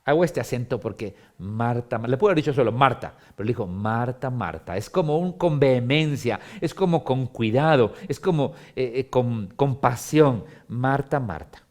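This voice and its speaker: Lively pastor teaching scripture. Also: male voice, medium pitch, normal speed, few pauses. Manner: expressive, dramatizes scripture with emphatic repetition. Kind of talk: Bible study teaching. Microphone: streamed broadcast.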